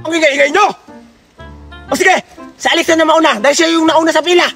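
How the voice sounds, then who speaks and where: Brief: male performer as a shrill, bright, bossy old woman scolding kids in a comedy skit, music under. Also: fairly even intonation, a little fast, exaggerated voice. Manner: scolding, loud and dramatic. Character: bossy older woman handing out gifts. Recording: music playing behind.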